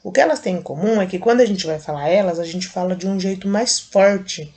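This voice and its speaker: A Brazilian woman teacher with a Brazilian Portuguese accent, slowly and patiently explaining a lesson step by step to young children. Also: medium pitch, a little mellow. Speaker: primary school teacher. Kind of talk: recorded video lesson for children.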